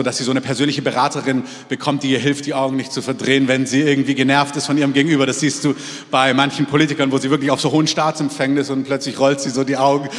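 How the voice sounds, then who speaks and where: A man preaching a sermon to his congregation, lively, moving between loud exclamations and quiet, intimate asides. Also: medium pitch, long reverb tail. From half French, in Germany. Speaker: pastor. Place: church hall.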